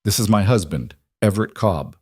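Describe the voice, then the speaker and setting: A man's voice: on the low side, moderate pace, breathy edge, no echo, clean studio sound. A man voicing a determined, educated young woman who speaks steadily and formally. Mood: steady. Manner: steady and formal, holding herself together. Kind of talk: audiobook character voice.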